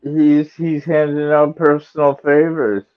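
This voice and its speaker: A man's voice: fairly high pitch, little pitch movement, unhurried, a little hiss or hum. A man in casual panel chat, speaking hesitantly and repeating his words, on a lo-fi channel. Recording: dull, lo-fi voice channel.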